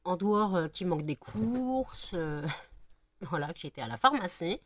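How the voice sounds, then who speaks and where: A woman's voice: fairly low pitch, animated, unhurried, slight background noise. A tired woman vlogging casually at home, rambling with many fillers and talking to her dog. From France. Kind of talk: casual home vlog chat. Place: home indoors.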